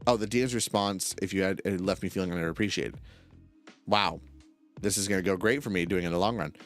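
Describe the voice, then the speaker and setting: A man's voice: sits low, fast talker, faint music behind. A man streaming, reading role-playing stories aloud and breaking off into sweary rants, tripping over and correcting his reading. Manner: animated, swears, goes off on rants and tangents; stumbles and corrects himself while reading.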